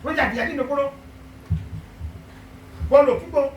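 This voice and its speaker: A woman preaching a sermon, asking the congregation rhetorical questions and bursting into loud, emphatic declarations. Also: high voice, fairly even intonation, moderate pace, recorded from a distance, a little hiss or hum. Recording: echoey hall miked from afar.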